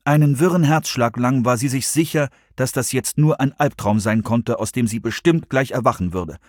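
A man narrating a thriller audiobook with expressive storytelling. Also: mid-range voice, normal speed, dry recording, studio quality. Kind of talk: scripted narration.

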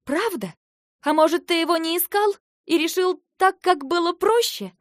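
A fiery young princess, as the woman narrating puts her on shouts in a high, strained voice. Her defiance stays loud throughout. The recording is close and dry. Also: animated, normal speed, dry recording. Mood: furious. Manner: shouting, pitched up in anger.

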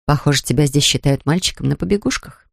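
Brief: a woman reading a blunt farmer, deep and clipped, storybook reading. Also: fast talker, vocal fry, no room sound, studio quality. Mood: wry. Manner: curt, terse. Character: gruff blunt young male farmer.

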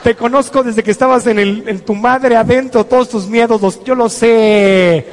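A man's voice: very high voice, steady tone, moderate pace, slight background noise. A man voicing the mocking inner voice of fear, taunting and condescending, in a lecture hall with echo. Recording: echoey hall reverb.

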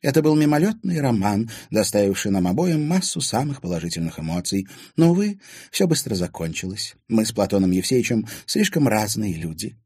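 A man's voice: mid-range voice, sing-song, moderate pace, a little mellow, breathy edge, no room sound, studio quality, pitched above the performer's own voice. A man voicing a coquettish ironic older lady. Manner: gracious, coquettish, teasing. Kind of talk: audiobook character voicing.

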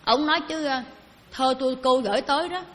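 This Buddhist teacher speaks in a brisk, high-pitched, slightly bright voice. She keeps her dharma talk conversational and asks the audience questions, and a long hall reverb surrounds her.

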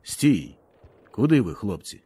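A man voicing a wounded male soldier who speaks calmly and wryly, in a low, feverish voice. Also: slow pace, breathy edge, heavily acted. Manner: calm, low, wry. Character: wounded calm male soldier, weary and ironic.

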